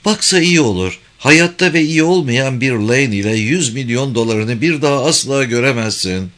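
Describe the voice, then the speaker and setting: A man's voice: medium pitch, lively intonation, moderate pace, fairly bright tone, pitched above the performer's own voice, lightly acted. A man voicing a determined woman, a former judge, speaking firmly in a raised voice.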